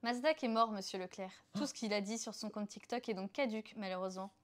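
A woman's voice: mid-range voice, fast talker, close to an everyday voice. A woman doing a prim airline hostess. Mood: formal.

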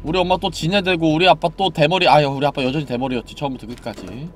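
A man streaming a horror game live, chatting and joking with viewers, dropping to mumbles and then yelling in excitement. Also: on the high side, fast, a little hiss or hum.

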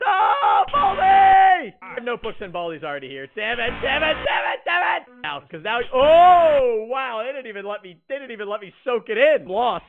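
A man in his twenties reacting like a scared horror game streamer, panicky and prone to yelling and exclaiming. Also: very high voice, very animated, normal speed, gravelly, few pauses. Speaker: gaming video host. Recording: tinny, phone-like, noisy audio.

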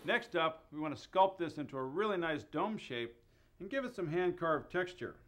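A man's voice: a little high, expressive, normal speed, a bit bright, a little hiss or hum. A middle-aged man hosting a woodworking show, explaining each step methodically with mild enthusiasm in his workshop on a lapel mic. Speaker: host and woodworker. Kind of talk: instructional woodworking demonstration. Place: indoor wood workshop.

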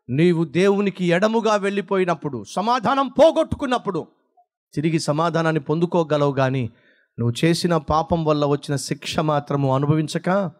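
High-voiced dramatic male preacher. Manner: dramatic, acts out dialogue, big swings between high and low. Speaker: pastor. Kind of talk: sermon.

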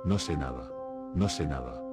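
A man reading the lines of a terrified young girl who is crying and pleading, speaking softer and lower than in his narration. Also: lively intonation, normal speed. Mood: sobbing, pleading. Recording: music playing behind the voice.

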